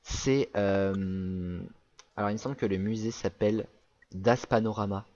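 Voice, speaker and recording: A man's voice: on the low side, steady tone, measured pace, darkish tone, dull audio. A young French man rambling through a casual travel anecdote, full of fillers and restarts. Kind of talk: casual storytelling chat.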